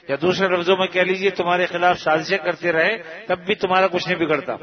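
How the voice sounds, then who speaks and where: A man giving a sermon that explains scripture, chanting verses slowly before paraphrasing them. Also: on the high side. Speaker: religious preacher. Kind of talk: Quranic commentary sermon. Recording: dull lo-fi recording, audience around.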